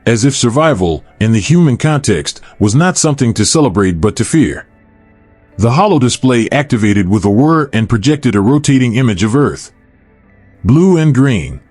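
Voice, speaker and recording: A male narrator reading a sci-fi story in scripted style, wry and sardonic, at a mid pitch. His voice is close and dry, with faint music underneath. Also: expressive, moderate pace, darkish tone, no echo. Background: faint background music.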